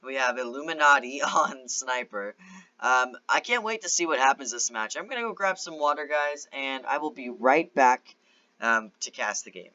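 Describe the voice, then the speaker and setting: A man's voice: medium pitch, moderate pace, bright, forceful tone, muffled recording. A man casting an esports match live, explaining the play in an analytical way. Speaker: esports caster.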